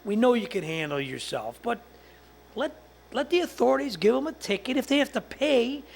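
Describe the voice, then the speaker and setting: A man's voice: very high-pitched, big pitch swings, normal speed, vocal fry. A man hosting a show in casual studio banter, rambling and stammering as he tells stories.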